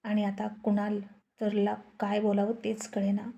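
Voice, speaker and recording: A woman's voice: mid-range voice, monotone, measured pace, vocal fry, warm tone, highs cut off. A woman narrating a dramatic family story in scripted storytelling style.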